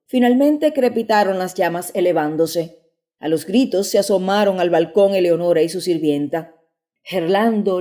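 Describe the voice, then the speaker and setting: Brief: woman audiobook narrator, mellow dark tone, measured literary reading. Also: medium pitch. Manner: measured, even storytelling.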